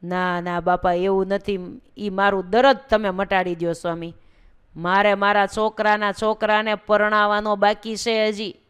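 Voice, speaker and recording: A woman's voice: mid-range voice, little pitch movement, normal speed, fairly bright tone, smooth, lightly acted. A woman voicing a sick older village man who pleads plaintively to be healed. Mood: pleading.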